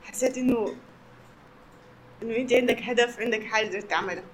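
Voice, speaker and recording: Very fast-talking Sudanese woman, fairly high voice. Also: rough recording. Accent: Sudanese Arabic. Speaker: employee and conversation partner. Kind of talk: casual conversation.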